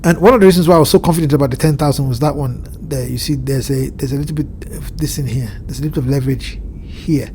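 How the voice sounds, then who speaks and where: Speaking at a medium pitch with a darkish tone, a Southern Hemisphere crypto market analyst works through a chart on a screen share. He is indoors at home in the evening, his nose blocked and his voice slightly nasal, with light background noise. He explains things carefully and pauses often to find the right words.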